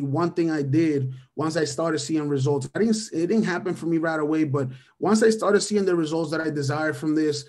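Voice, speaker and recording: Over webcam-call audio from a small room, a Venezuelan mentor in his thirties, a native Spanish speaker, presents a motivational webinar in a slightly raised, somewhat high voice. He repeats his main points for emphasis and ends nearly every thought with an inquiring "right?". The audio comes through a webcam or headset.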